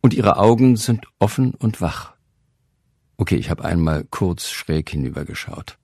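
A man's voice: low-pitched, lively intonation, measured pace, darkish tone, no room sound. A man reading his own humorous story aloud, with a dry, ironic delivery. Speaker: narrator. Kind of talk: reading a humorous first-person column.

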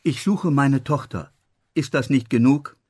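A man's voice: mid-range voice, unhurried, darkish tone, slightly rough, no echo. A reserved male guest dodges questions in a guarded way, voiced by a male narrator. The voice stays close to the narrator's own. It is a dry, close recording. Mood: weary. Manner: guarded, evasive. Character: reserved male guest, a father searching, evasive.

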